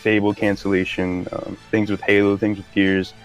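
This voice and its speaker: A man co-hosting a podcast in casual gaming chat, halting and repeating words as he goes. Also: lowish voice, flat delivery, faint music behind, low-quality recording. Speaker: podcast co-host.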